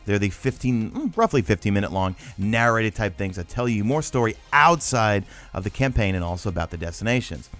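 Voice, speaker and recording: A man's voice: on the low side, animated, fairly quick, few pauses, fairly bright tone. A man giving casual, emphatic commentary as a gaming news host, reading out articles and breaking them down conversationally. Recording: voice-over with background music. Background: background music.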